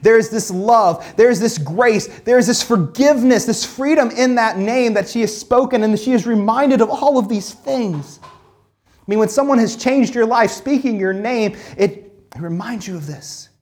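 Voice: medium pitch, measured pace, darkish tone. A pastor teaching casually from the Bible, reading scripture aloud and then building emphatic points with repeated phrases and many "like" fillers. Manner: reads scripture aloud between comments.

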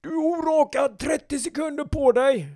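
A man's voice: very high voice, dark tone, no echo, studio quality, voice pushed up. A man putting on the voice of a ferocious army captain who barks short orders. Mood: furious barking.

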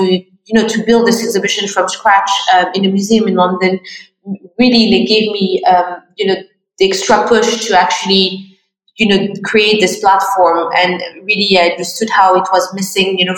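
A middle-aged woman answers interview questions, her speech halting and full of ums and restarts. She sounds set back from the mic in a room with plenty of echo. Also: mid-range voice, a bit bright. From Morocco. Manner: hesitant, many fillers and restarts. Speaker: art fair founder. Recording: roomy distant mic.

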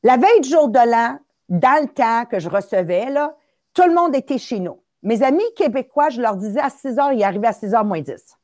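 A middle-aged woman telling animated anecdotes on a talk show, often dropping English words into her French. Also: a little high, normal speed. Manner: lively storyteller, mixing English words into French.

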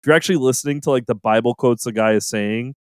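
Man, podcast co-host, smooth resonant voice, dry mic, enthusiastic casual chat. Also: mid-range voice, fast talker, dry recording. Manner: enthusiastic, laughs often, quotes movie lines.

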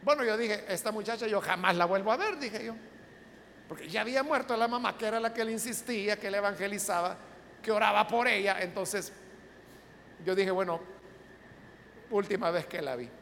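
A man's voice: high voice, moderate pace, vocal fry, long pauses, fairly bright tone. Male pastor, chatty sermon storyteller, long church reverb, faint hum behind. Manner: conversational storyteller, with frequent asides.

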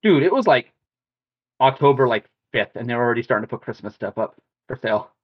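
A man's voice: medium pitch, expressive, brisk. A man co-hosting a podcast in casual chat, rambling and slangy. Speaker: podcast co-host. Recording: dull lo-fi sound.

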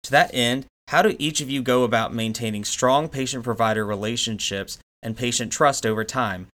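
A man's voice: mid-range voice, normal speed, a bit bright. Man moderating with polite questions. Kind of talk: scripted interview questions.

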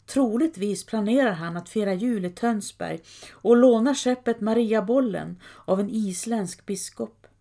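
Calm woman telling a historical story. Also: mid-range voice. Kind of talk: scripted historical narration.

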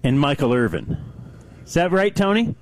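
A man's voice: fairly high pitch, huge pitch swings, moderate pace, no echo. A man hosting a radio show in casual banter, teasing and laughing often. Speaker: radio host.

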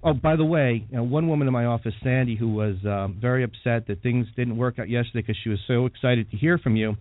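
A man's voice: medium pitch, fast. An American man hosts a radio interview in a conversational way. His mid-range voice sounds thin and phone-like, with some noise and clicking behind it. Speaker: radio show host. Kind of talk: conversational hosting. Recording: phone-like band with clear background noise.

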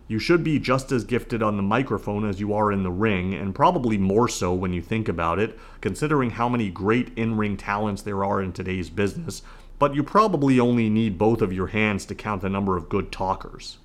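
A man hosting a podcast, giving scripted solo commentary in a measured, announcer-like way. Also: on the low side. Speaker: podcast host.

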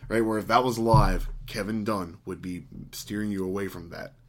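A man's voice: fairly low pitch, fairly even intonation, moderate pace. A man co-hosting a podcast, recapping old wrestling shows in a casual, rambling way, swearing freely and laughing often. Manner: rambling, profane, laughs often, frequent fillers. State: hiccuping. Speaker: podcast co-host.

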